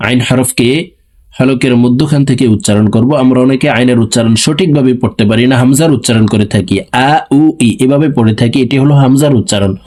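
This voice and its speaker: A man with a Bangladeshi Bengali accent teaching Quran letter pronunciation, reciting each syllable slowly and deliberately, then explaining quickly. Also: mid-range voice, a little mellow. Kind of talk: slow drilled letter-by-letter teaching.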